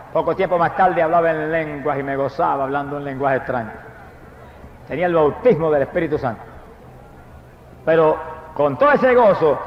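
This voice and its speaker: A man preaching his testimony at a church service, telling his story and then breaking into fervent shouted praise. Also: fairly high pitch, slight background noise. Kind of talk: impassioned testimony sermon. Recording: echoey, dull live hall recording.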